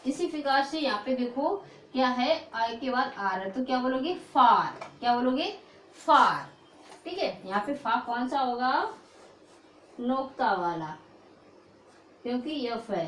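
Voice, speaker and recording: A woman's voice: high-pitched, lively intonation. Woman teaching pronunciation. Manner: repetitive call-and-response questioning; drawn-out modeled words. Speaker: English teacher. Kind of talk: pronunciation lesson. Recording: echoey room with faint background noise.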